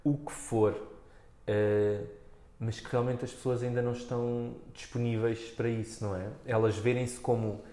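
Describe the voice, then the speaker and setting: A man's voice: mid-range voice, little pitch movement, normal speed, warm tone. A man with a European Portuguese accent in casual podcast conversation, thinking aloud with hesitant restarts. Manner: hesitant, thinking aloud, acts out clients' remarks. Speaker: interviewer and body practitioner. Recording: echoey room.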